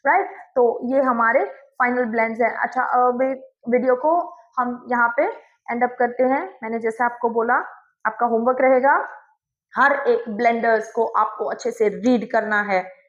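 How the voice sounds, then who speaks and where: Lady teacher, high voice, sounds out blends slow then says the word, unhurried. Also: lo-fi sound. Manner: sounds out word parts slowly, then says whole words. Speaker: English teacher. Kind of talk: phonics lesson for viewers.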